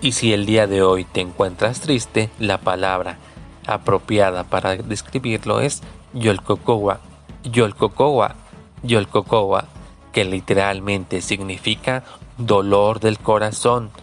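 A man's voice: on the low side, fairly even intonation, unhurried, faint music behind. A man teaching a recorded language lesson, speaking patiently and repeating each word three times for the learner.

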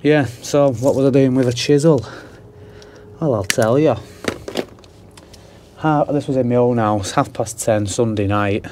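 Talking into a handheld camera as he works in someone's house, this young electrician keeps up a casual, rambling commentary and pokes fun at himself. His mid-range voice is a little mellow and unhurried, with frequent pauses. A bit of hiss or hum can be heard.

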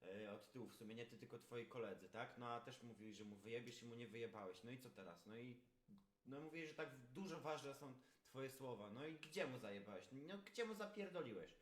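A man with a mid-pitched voice, recorded in a roomy, echoing space. He talks as a livestreamer in a fight-minded argument, mocking and taunting his opponent with plenty of swearing. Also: animated, fairly quick. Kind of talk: confrontational livestream banter.

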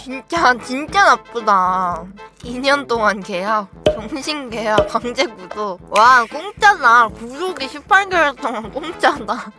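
Excitable woman streamer thanking viewers. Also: fairly high pitch, measured pace, few pauses, over music. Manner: excitable, exclaims and yells playfully. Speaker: virtual streamer. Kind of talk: reading viewer donations on stream.

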